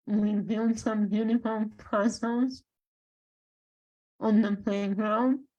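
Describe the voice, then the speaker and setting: A woman from Bulgaria with a Bulgarian accent, a guest speaking in a measured, halting way with long pauses. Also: on the high side, dark tone, highs cut off. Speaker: guest, life coach and spiritual guide. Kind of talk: slow reflective interview talk.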